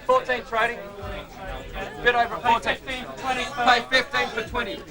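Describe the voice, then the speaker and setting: A man working as a futures trader, shouting orders in open outcry on a trading floor. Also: very high-pitched, little pitch movement, measured pace. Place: large indoor exchange trading floor. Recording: distant shouts amid busy trading-floor crowd.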